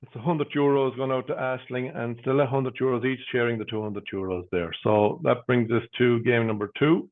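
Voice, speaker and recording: A man working as a bingo caller, announcing numbers digit by digit with traditional nicknames in a measured, formulaic way. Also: medium pitch, steady tone. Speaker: bingo caller, host of an online bingo game. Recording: narrow phone-like sound.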